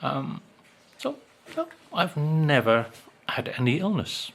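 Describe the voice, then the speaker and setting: A man's voice: fairly high pitch, wildly swooping pitch, takes it slowly, vocal fry, fairly bright tone, husky. A man in his sixties chatting casually to camera as a vlogger, rambling and wry with lots of ums. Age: 60s.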